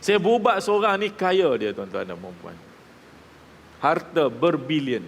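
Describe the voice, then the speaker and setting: A man with a Malaysian Malay accent gives a sermon to a live audience. His voice sits fairly high and he keeps checking in with his listeners. A long reverb from the hall hangs on his words. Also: very animated, unhurried, slight background noise. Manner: addresses the audience directly, asks checking questions; acts out quoted people in his stories. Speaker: preacher. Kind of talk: religious talk to a live audience. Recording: reverberant hall with faint ambience.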